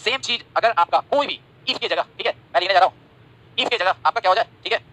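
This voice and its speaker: A man's voice: quick pace, low-quality recording. A man teaching English grammar in a live online class. He reads out viewers' comments, repeats phrases again and again, and keeps checking whether his students understand. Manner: repeats phrases, asks "samajh rahe ho" often; drops to a low, soft voice when apologizing. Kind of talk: live-streamed class, reading chat comments.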